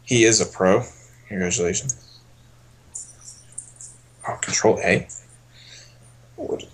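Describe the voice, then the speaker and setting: A man coaching poker on a casual stream, thinking aloud in a relaxed way as he explains each hand. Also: lowish voice, slow, breathy edge.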